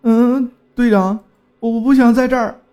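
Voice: mid-range voice, sing-song, normal speed, warm tone, faint music behind, pitched above the performer's own voice, lightly acted. A man voicing a frightened young teammate who whimpers and pleads in a scared horror story. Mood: scared, pleading.

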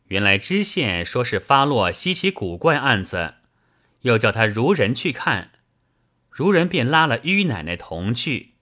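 A man narrating a classic novel aloud at an unhurried pace. His voice is low-pitched yet bright and forceful. His intonation rises and falls in a lively way. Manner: slow, expressive reading. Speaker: storyteller.

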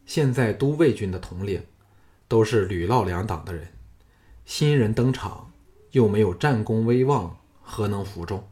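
A man voicing a calm, steely general who speaks slowly and coolly in an audiobook. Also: on the low side.

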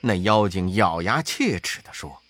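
A man narrating a classic storybook tale with expressive rises and falls. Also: deep voice, unhurried. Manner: expressive, rising and falling for effect.

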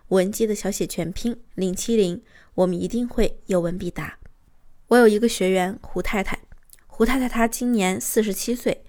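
A woman's voice: medium pitch, a little mellow. A young woman, a host's assistant, narrating relationship advice and telling a client's story, acting out quoted arguments with rising emphasis.

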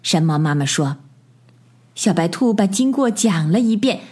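A woman's voice: mid-range voice, lively intonation, a little mellow, slightly rough. A woman narrating a bedtime story for children in a lilting storybook voice. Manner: slow, lilting storybook delivery.

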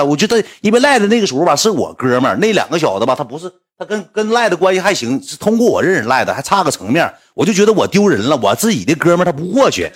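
A man's voice: on the high side, husky. A man with a Northeastern Mandarin accent telling a rambling, colloquial anecdote, often repeating himself. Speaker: storyteller.

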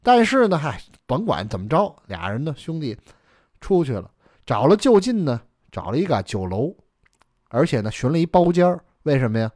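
A man's voice: a little high, big pitch swings, normal speed, a little mellow, dry recording, clean studio sound. A male storyteller, narrating a traditional tale in a chatty way full of explanatory asides.

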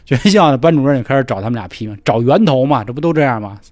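A man telling a ghost story in casual chat, acting out the dialogue in hushed voices. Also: mid-range voice, expressive, rapid-fire, dry recording, soft background music. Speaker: podcast storyteller.

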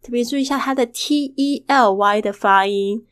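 A woman hosting a casual podcast lesson, chatty and full of rhetorical questions, who slowly models English words and repeats them. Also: on the high side, smooth, no room sound, clean studio sound. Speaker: English teacher and podcast host.

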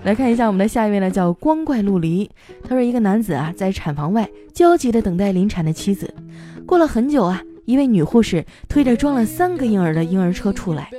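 Animated woman host reading jokes aloud. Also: medium pitch, quick pace, faint music behind. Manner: animated, switches into character voices for quotes. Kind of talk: comic joke reading.

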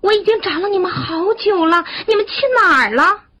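A woman's voice: high voice, animated, a little slow, a bit bright, voice pushed up. A woman voicing a cheerful, loving mother frog from a children's storybook, calling out to her young.

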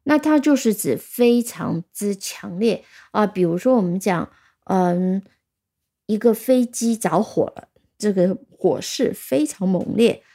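A woman's voice: mid-range voice, gravelly, warm tone. A woman teaching an English vocabulary lesson, patiently explaining words, spelling them out letter by letter and repeating examples.

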